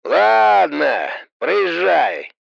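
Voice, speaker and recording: Guy putting on a raspy mocking guard on a muffled radio, high voice, slow and draggy. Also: huge pitch swings, dry recording, exaggerated voice. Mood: grudging. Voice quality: hoarse, rasping. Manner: slow, taunting, drawn-out delivery. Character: gruff, mocking male perimeter guard. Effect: heard over a two-way radio. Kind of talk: audiobook character voice.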